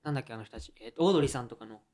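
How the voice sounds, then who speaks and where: A man co-hosting a casual comedy chat show, teasing his partner with rough, quick retorts. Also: medium pitch, darkish tone. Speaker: podcast co-host. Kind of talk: casual banter.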